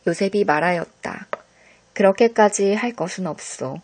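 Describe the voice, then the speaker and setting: A woman reading psalms and Bible passages aloud in a calm, measured devotional style. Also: mid-range voice. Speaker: scripture reader.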